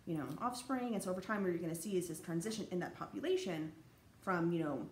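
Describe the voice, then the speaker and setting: A woman's voice: fairly low pitch, fast. A young woman giving a casual, rambling college lecture over slides, full of fillers and restarts. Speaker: college anthropology instructor. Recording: echoey room, faint background noise.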